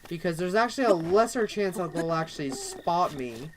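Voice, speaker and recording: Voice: medium pitch, lively intonation, moderate pace, background noise. A let's play host giving casual, rambling commentary over gameplay, with constant fillers like "actually" and "kind of".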